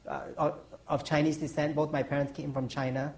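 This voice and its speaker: A man's voice: on the high side, level tone, fairly quick, a little mellow, poor audio. A man in his forties from Thailand, a pastry chef answering on a panel, rambling with lots of ums and restarts. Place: conference stage.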